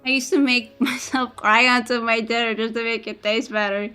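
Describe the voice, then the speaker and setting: A woman's voice: fairly high pitch, flat delivery, moderate pace, sharp tone, smooth. Woman streamer, reads game narration aloud, playful, faint music behind. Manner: playful, laughing between lines. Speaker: streamer playing a visual novel. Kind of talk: casual let's-play, reading narration aloud.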